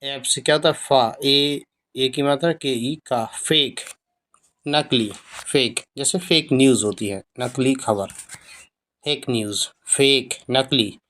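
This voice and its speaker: Here a man teaches English phonics very slowly, his Hindi accent audible and his voice mid-pitched with a fairly bright tone. Word by word, he spells out each letter, then patiently repeats the word and explains its meaning.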